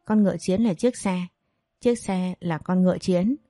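A cold company boss, clipped and questioning, in a spoken storybook, as a woman puts the boss on. The voice is low and mellow, dry and close, with faint music behind. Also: a little slow, no echo.

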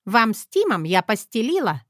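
A woman voicing an older mother-in-law who gives firm, commanding orders in a loud voice, as part of an audiobook. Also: on the high side, sing-song, moderate pace, no room sound, clean studio sound.

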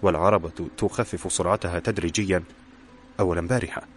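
A man reading the lines of a lively young woman who writes for a magazine, asking curious questions in a storybook reading. His voice stays low and his own. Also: fast talker, slight background noise, natural voice. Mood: flustered.

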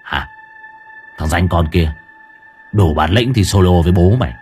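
A man voicing a thuggish male street tough who talks with low, growling gangster swagger. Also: unhurried, a little mellow, soft background music. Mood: menacing.

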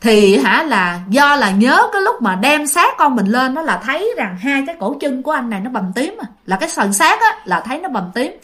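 A woman's voice: high-pitched, big pitch swings, brisk, few pauses, a bit bright. Give me a chatty Southern Vietnamese woman telling ghost stories. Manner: chatty, addresses listeners directly. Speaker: ghost story narrator. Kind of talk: casual storytelling to listeners.

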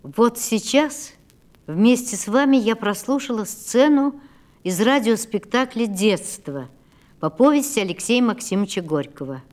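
An older radio actress introducing a recording in a reflective, measured way. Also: female voice, a little high, animated, a little mellow.

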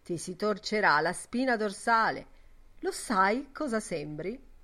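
A woman's voice: mid-range voice, expressive, unhurried, voice pushed up. A woman doing a sarcastic, hot-tempered Irish father. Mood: mocking. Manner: loud theatrical outbursts, mocking. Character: middle-aged Irish father, sarcastic, quick-tempered, broke.

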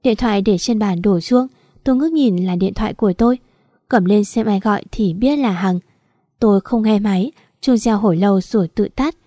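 A woman narrating a first-person romance story in a soft, steady read. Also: medium pitch, normal speed, no room sound, clean studio sound. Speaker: audiobook narrator.

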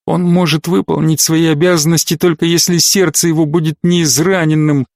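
A man voicing an emotional young woman who pleads softly and then flares into anger, in an audiobook. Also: on the high side, little pitch movement, a little fast, no echo, studio quality, lightly acted. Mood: pleading. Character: distraught pregnant woman, emotional and fierce.

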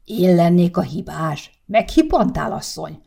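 A woman's voice: fairly low pitch, gravelly, a little mellow. A woman voicing an easygoing, bumbling older grandfather who mumbles and defends himself, read in an audiobook. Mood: defensive. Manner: mumbling, defensive, good-natured. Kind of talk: audiobook character reading.

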